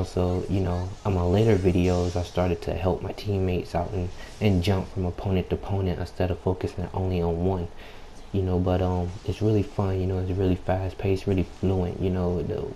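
Low, unhurried, very monotone young man. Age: young adult. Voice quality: low, subdued voice. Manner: unhurried, laid-back, slangy, frequent "you know" filler; keeps clearing throat. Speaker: gaming YouTuber. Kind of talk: casual gameplay commentary. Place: at home late at night, people nearby. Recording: home mic with background noise.

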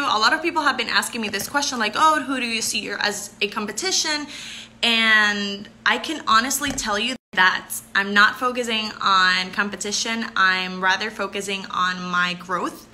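Her voice is mid-range, pushed and bright, with a faint hiss or hum underneath. She's a young Puerto Rican woman in her twenties, a pageant contestant livestreaming from a bright indoor space and speaking with a Puerto Rican accent. Holding her phone camera close, she answers comments from viewers, often laughing and mixing Spanish with English.

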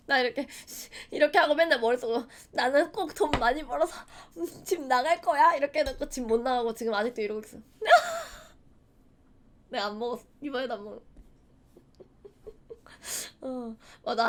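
A young woman in her twenties chats on a livestream in a high voice. She laughs readily and acts out old stories in a loose, chatty way. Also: a little fast. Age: 20s. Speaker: streamer. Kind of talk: casual livestream chat.

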